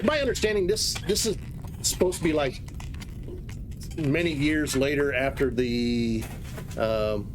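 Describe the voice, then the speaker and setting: A male game streamer talks at an ordinary, mid-range pitch. He gives loose, rambling explanations as he plays, full of "uh" and "you know.". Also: unhurried, long pauses, background noise. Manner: casual, rambling explanations with many fillers. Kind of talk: live gameplay commentary.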